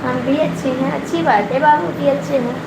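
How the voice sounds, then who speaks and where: A woman's voice: high-pitched, steady tone, fairly quick. Teasing Awadhi woman hosting a live stream. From Awadh region, India. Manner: teasing, coaxing viewers to comment. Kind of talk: casual chat with live viewers. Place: room with a running air cooler. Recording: echoey room, loud cooler noise.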